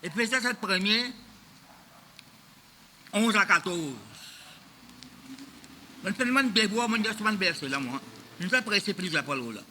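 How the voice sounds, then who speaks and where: A man's voice: high voice, lively intonation, moderate pace, long pauses, bright, forceful tone, slight background noise. A man, preaching a sermon as pastor of a church, in a loose, repetitive style that mixes French and Creole. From Mauritius.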